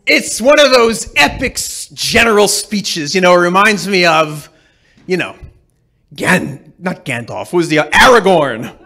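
A man with a high, bright, ringing voice delivers a synagogue sermon. He preaches animatedly and dramatically, booming out grand speeches and then dropping to low mumbled asides. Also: animated, measured pace, creaky. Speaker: rabbi.

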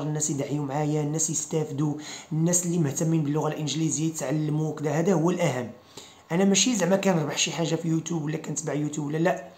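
A man with a Moroccan accent giving a casual online English pronunciation lesson, repeating example words slowly before chatting loosely with viewers. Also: fairly high pitch, echoey room. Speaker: English teacher.

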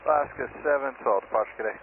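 A man's voice: mid-range voice, quick pace, background noise. A man speaking as an airline pilot over a narrow-band aircraft radio, reading back instructions in clipped phrases. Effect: pilot heard over a narrow-band aircraft radio. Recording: tinny, distant aircraft radio.

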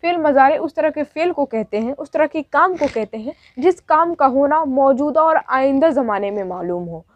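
A woman's voice: high-pitched, animated, moderate pace, hardly any pauses, dry recording. A woman teacher giving a grammar lesson, asking questions and answering them herself, with lots of repetition. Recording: dull, dry lo-fi sound.

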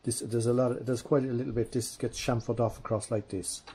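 Working in his garage, a man gives laid-back how-to narration at medium pitch and a fairly quick pace, with slight background noise. This restoration vlogger talks through his thinking as he goes and addresses viewers as "guys."

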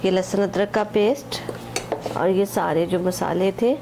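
Against a noisy background, a woman with a medium-pitched, steady voice speaks slowly as she teaches a home recipe on her cooking channel. Her step-by-step explanation is casual and chatty, peppered with "acha ji" and "ye dekhen" as she points things out, and she uses English measures within her Hindi-Urdu.

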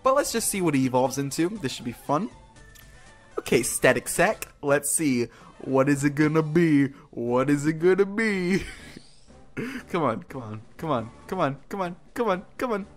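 A man hosts a casual video game playthrough in a high-leaning, expressive voice at a slightly slow pace. He rambles, exclaims and pokes fun at himself as he plays, with video game music behind his voice.

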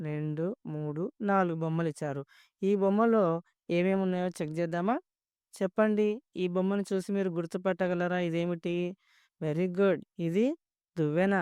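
Patient teacher, smooth warm voice. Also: mid-range voice, no room sound. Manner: patient, spells words out syllable by syllable; asks children questions and praises answers. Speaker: primary school teacher. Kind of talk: reading lesson for young children.

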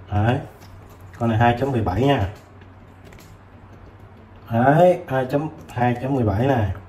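A man selling used tools who chats casually while showing old multimeters, filling pauses with short words. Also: medium pitch, warm tone. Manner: chatty, fills with "đấy" and "rồi". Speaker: used tool seller. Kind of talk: casual product demo. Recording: roomy with faint background noise.

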